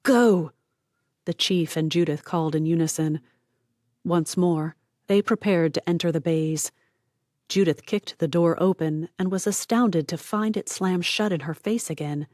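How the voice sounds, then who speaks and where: A woman's voice: lowish voice, steady tone, normal speed, darkish tone, no echo, studio quality. A woman narrating an audiobook, voicing each character and dropping to a whisper for tense lines.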